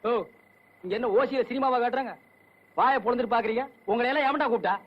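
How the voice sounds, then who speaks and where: A man's voice: very high-pitched, fast talker, dull audio. An actor playing a threatening older village man who sneers and hurls accusations at his family. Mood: menacing. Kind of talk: 1980s film drama acting.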